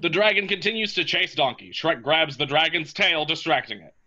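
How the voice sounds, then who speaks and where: A man narrates stage directions from a script. His voice is slightly high and very sharp, on a somewhat dull recording. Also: expressive, brisk.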